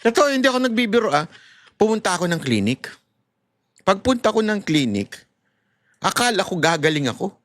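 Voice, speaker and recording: A middle-aged man from Manila with a loud voice, giving casual, animated political commentary as a vlogger. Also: sits high, fairly quick, pauses often, no echo. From Manila, Philippines. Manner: animated and chatty, laughs at his own asides.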